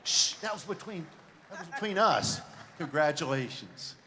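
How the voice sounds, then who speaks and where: A man acting as ring announcer, chatting with a buyer in quick, upbeat questions at a live event. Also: a little high, big pitch swings, bright, forceful tone. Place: fairground show ring.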